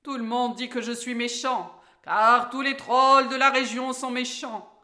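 A woman voicing a gruff, misunderstood male troll in a storybook reading, growling and shouting his lines. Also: on the high side, fairly even intonation, a little slow. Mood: tearful.

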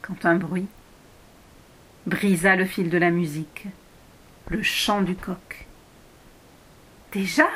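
Slow-reading woman storyteller. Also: lowish voice, steady tone. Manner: slow, clear storybook narration. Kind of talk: reading a children's story aloud.

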